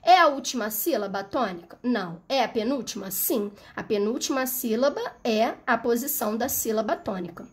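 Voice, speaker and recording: A woman teaching a video lesson for children, patient and step by step, checking in often and singing out words to show the stressed syllable. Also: fairly high pitch. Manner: patient, explains step by step, frequent "tá?" and "né?". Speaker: primary school teacher.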